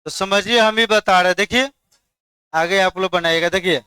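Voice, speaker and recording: A man's voice: high-pitched, normal speed, sharp tone, clear, resonant tone, dry recording. A man teaching a chemistry class, coaxing students and quizzing them by name. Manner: coaxing, repeats "dekhiye" to hold attention, quizzes students. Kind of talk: classroom lecture.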